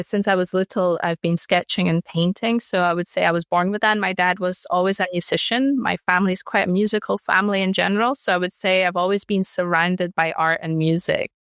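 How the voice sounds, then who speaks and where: A woman's voice: medium pitch, a bit bright, smooth, dry recording. Reflective woman in a dry interview. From Ecuador. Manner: reflective, frequent restarts and fillers. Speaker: guest, artist. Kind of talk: conversational interview.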